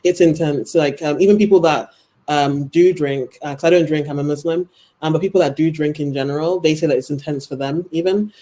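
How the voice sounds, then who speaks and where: A woman's voice: deep voice, steady tone, brisk, warm tone, slight background noise. A young woman author joins the chat as a guest over a video call. She speaks hesitantly, and her sentences are filled with "um" and "like". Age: young adult. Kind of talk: casual conversation on a video call.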